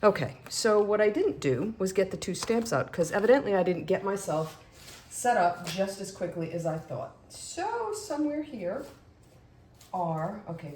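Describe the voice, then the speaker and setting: A woman with a medium-pitched, slightly mellow voice demonstrates stamping techniques in a casual craft tutorial, chatting and poking fun at herself as she works. There's slight background noise.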